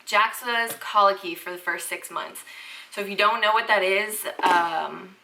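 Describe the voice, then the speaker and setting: A woman's voice: medium pitch, unhurried, bright, forceful tone, slight background noise, poor audio. A young woman, chatting casually to camera as a parenting vlogger, filling her talk with "like". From Southern United States. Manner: chatty, fills talk with "like" and "freaking".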